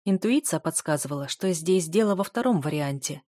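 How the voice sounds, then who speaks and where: A woman reads a fantasy novel aloud in a steady, expressive narration. Her voice sits on the low side, and the recording is dry and close, with no room sound. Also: fairly quick, no echo. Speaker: audiobook narrator.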